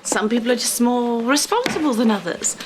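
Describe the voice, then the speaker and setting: A woman's voice: a little high, expressive, brisk, noisy background, close to an everyday voice. An actress playing a prim, self-satisfied woman with a fluttery, fussy manner. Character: smug, fussy middle-aged woman, flustered. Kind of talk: soap opera acting.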